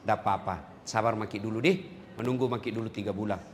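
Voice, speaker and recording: A man doing a calm, soothing male regent. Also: lowish voice, quick pace, background noise, voice pushed down, lightly acted. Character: calm, indulgent middle-aged male regent.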